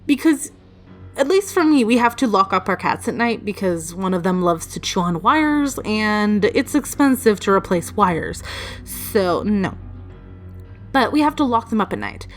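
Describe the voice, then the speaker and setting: With music running underneath, a woman who makes storytelling videos rambles casually through personal anecdotes, playful and emphatic. Her voice is mid-range, sing-song, and unhurried.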